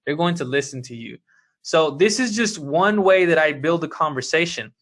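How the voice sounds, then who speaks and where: A man with a fairly high, very bright voice leads a sales coaching talk for his team. He talks in an emphatic, energetic way and keeps coming back to "look" and "okay". His tone is forceful and driven. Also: moderate pace. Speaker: team leader coaching members.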